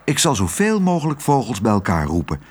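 A man voicing a cross, bossy male crow who talks quickly and scolds. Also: mid-range voice, huge pitch swings, husky. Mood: reassuring.

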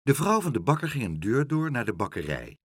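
A man reading a children's book aloud, animated, switching into character voices. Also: medium pitch, a little fast, breathy edge, no echo, studio quality. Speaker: storyteller.

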